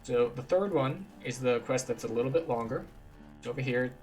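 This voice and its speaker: A game streamer acting as a tour guide talks over game music, offering casual, matter-of-fact commentary as he explains things. His voice is medium-pitched and a little mellow, at a normal speed.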